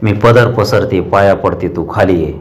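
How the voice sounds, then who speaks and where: A man voicing an anxious village mother pleading with her son, in a tearful, pleading way, close to his own low voice. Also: unhurried.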